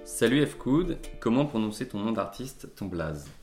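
A man's voice: fairly low pitch, very animated, normal speed, a little mellow, soft background music. A man hosting a podcast, telling a story casually with many hesitations and fillers before interviewing his guest. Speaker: podcast host.

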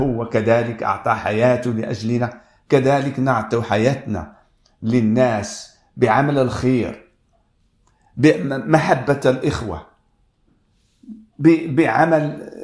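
Slow, hesitant Moroccan preacher in a roomy space. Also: male voice, mid-range voice, a little mellow. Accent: Moroccan Arabic. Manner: slow, measured reading with frequent hesitant restarts. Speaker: radio preacher. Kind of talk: radio sermon with scripture reading.

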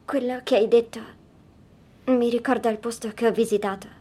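An actress playing a young girl who calmly and quietly recounts a strange dream in an audio drama. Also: a little high, normal speed, slightly rough. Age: child figure. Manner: calm, hushed storytelling.

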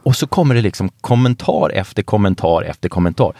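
A middle-aged man with a low, deep voice, chatting as a podcast co-host. He jokes, swears casually and slips into the voices of people he quotes. The sound is close and dry. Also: sing-song, gravelly, dark tone, no echo. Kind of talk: casual chat. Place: outdoors by a car park.

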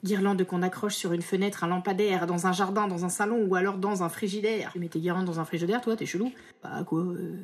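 A woman's voice: fairly low pitch, steady tone, brisk. A woman hosting a podcast for children and parents, reading a playful scripted list with tongue-in-cheek asides. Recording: music bed behind.

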